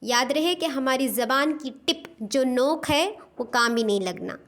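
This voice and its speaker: A woman's voice: high voice, measured pace, fairly bright tone. A woman teaching letter pronunciation, patiently repeating each sound many times for practice. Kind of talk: pronunciation lesson. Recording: dull lo-fi recording.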